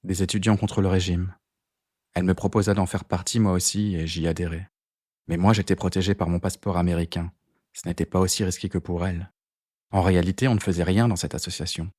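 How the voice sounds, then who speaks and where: A man reading the part of a determined, grey-haired woman jazz saxophonist in an audiobook, calm and direct. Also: sits low, brisk, no room sound, clean studio sound. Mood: reminiscing. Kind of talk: audiobook character voice.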